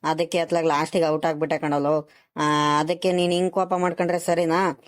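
A woman's voice: fairly low pitch, flat delivery, a little fast, natural voice. A woman voicing an apologetic young schoolboy in a cartoon, explaining himself in a rural Karnataka Kannada accent. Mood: pleading. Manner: explaining, pleading. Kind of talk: cartoon voice acting.

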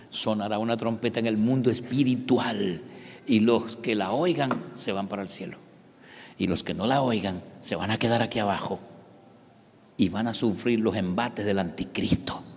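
Venezuelan preacher with big hall echo. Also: male voice, lowish voice. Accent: Venezuelan Spanish. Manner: dramatic, swinging from shouts to whispers. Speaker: pastor. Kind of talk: live sermon. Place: large church hall. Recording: long reverb of a large church hall.

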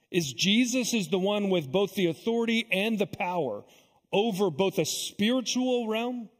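A pastor preaching a sermon in a church, earnest and deliberate, pausing often and repeating his phrases for weight. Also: high-pitched. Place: church sanctuary. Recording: long echo of a church sanctuary.

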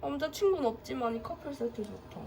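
A young woman vlogging in casual chat, gushing with excited exclamations over gifts. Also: high voice, fast, gravelly, slight background noise.

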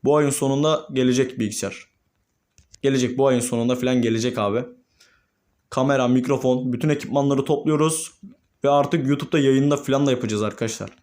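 A young man, a gaming YouTuber, commentating his own gameplay and swinging between calm murmurs and excited shouts. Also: medium pitch, fast.

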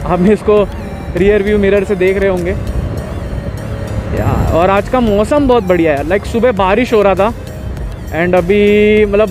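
A young man, chatting in a rambling, easygoing way while riding a motorbike on a highway and mixing in English words. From India. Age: young adult. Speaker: motovlogger. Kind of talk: casual chat while riding.

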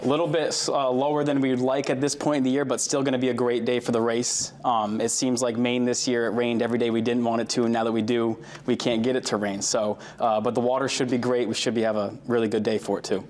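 A man's voice: medium pitch, little pitch movement, fast, few pauses, darkish tone. A man in his thirties, a recreation coordinator, answering questions in a live TV studio interview, upbeat and informal with fillers, on a lapel mic. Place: TV news studio.

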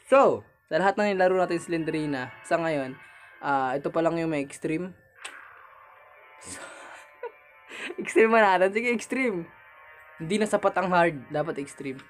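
A man's voice: a little high, moderate pace, faint music behind. A young man with a Filipino accent giving casual commentary while playing a horror game, chatting with viewers and yelping when startled.

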